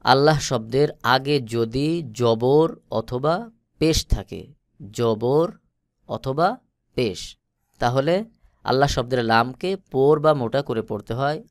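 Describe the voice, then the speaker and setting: A man with a Bangladeshi Bengali accent teaching Quran reading, spelling out letters slowly and chanting the words in long drawn-out tones. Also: medium pitch, no room sound, studio quality. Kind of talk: slow spelled-out recitation lesson.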